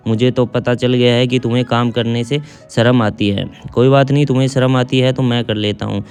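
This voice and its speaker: A man's voice: mid-range voice, level tone, fairly quick, darkish tone, smooth, soft background music, lightly acted. A man voicing an indignant young husband who scolds his wife for making his sick mother work. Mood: scolding.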